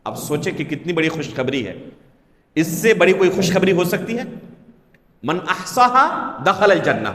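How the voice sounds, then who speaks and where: Man, religious lecture, slow Arabic recitation then explanation, animated pitch, long reverb. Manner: asks questions and answers them himself. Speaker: Islamic scholar teaching a book. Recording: echoey hall.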